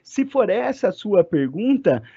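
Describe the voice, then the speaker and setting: A man giving an online class lecture, talking fast and animated and getting loud when excited. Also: sits high, vocal fry, slightly rough, no echo. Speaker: university lecturer. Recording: dry, slightly muffled sound.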